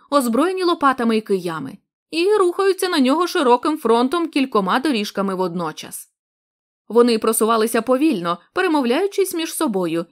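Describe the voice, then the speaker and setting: A woman narrating a literary story as an audiobook, measured and expressive. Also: fairly high pitch.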